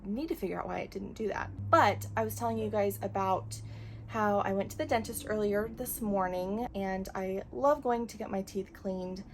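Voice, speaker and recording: A woman in her twenties talks through a casual home vlog, her voice at an everyday middle pitch. She tells stories in a gushing, chatty way, full of little ums. A faint hiss of noise sits under her voice. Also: moderate pace. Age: 20s. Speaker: vlogger. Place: home, packing.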